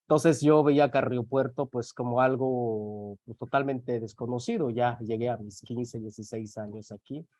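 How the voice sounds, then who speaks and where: A Mexican man in his forties whose first language is Maya talks with a Yucatec Maya accent as a panelist in an online talk, heard over a dry video-call recording. His mid-range voice is a little mellow and moves at a moderate pace with few pauses, though he speaks hesitantly and uses many fillers.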